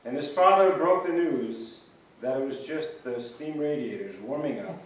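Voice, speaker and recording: A medium-pitched, animated man reads at normal speed from a church history script in a reader's theater performance, building the tales up as a storyteller would. The setting is a large church sanctuary, recorded echoey and from far away.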